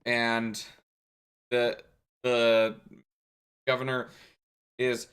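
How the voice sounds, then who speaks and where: A young man narrating as game master of a tabletop game, talking in a halting way with many fillers. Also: mid-range voice, completely flat delivery, a bit bright, clear, resonant tone.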